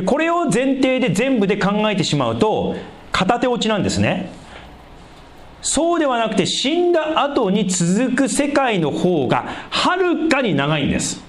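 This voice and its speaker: Man, pastor, sermon, lively pitch, rhetorical questions, loud then hushed. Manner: animated, rhetorical questions to the congregation; swings between loud emphasis and hushed lows.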